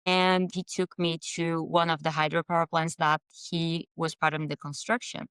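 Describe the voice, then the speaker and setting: A woman's voice: low-pitched, level tone, normal speed, a bit bright, smooth, dry recording. A woman in her thirties with a Brazilian accent, telling her story as a podcast guest in a friendly, conversational way. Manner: conversational, friendly, with fillers and small restarts. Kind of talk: casual podcast interview.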